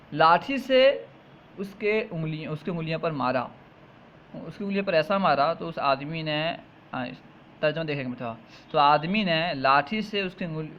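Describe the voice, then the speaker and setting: A man teaching a text lesson, reading each phrase aloud and then slowly explaining and repeating it. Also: on the high side, fairly bright tone. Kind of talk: line-by-line Arabic text lesson with translation. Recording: muffled lo-fi with faint hiss.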